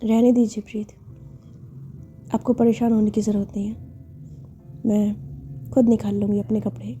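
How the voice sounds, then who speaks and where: A woman's voice: medium pitch, flat delivery, normal speed, warm tone, natural voice. A woman voicing a cool, evasive young woman who brushes off questions in an offhand way. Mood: cold. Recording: slightly dull recording, faint music.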